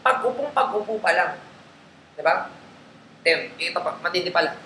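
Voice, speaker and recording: With a high, bright, forceful voice and lively intonation, a man coaches a network marketing group at a moderate pace in a live session. He mixes casual Tagalog and English, checking in with listeners often, while the recording has a roomy echo and light background noise.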